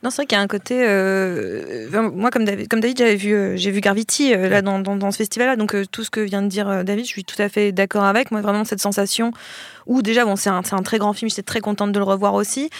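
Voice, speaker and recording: A woman's voice: mid-range voice, fast talker, no echo, clean studio sound. A woman on a panel, chatting casually with many hesitations and restarts, laughing easily. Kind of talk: casual roundtable chat.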